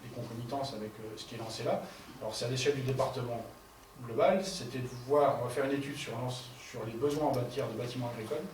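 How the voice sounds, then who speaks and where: A man's voice: medium pitch, fast, a little mellow. A man speaking on a panel, explaining at length with many fillers and self-corrections. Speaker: forestry advisor on a panel. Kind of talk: panel discussion contribution. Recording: distant mic in echoey room, audible noise.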